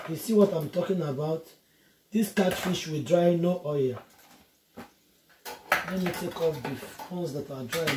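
A woman vlogging a cooking tutorial from her home kitchen, chatting through each step to her viewers. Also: fairly low pitch. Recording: roomy kitchen echo, faint noise.

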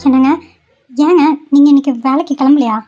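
A woman voicing a young village wife in a cartoon, talking softly and evasively. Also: sits high, a little fast, music in the background, natural voice. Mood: reluctant. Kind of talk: cartoon voice acting. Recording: dull lo-fi audio.

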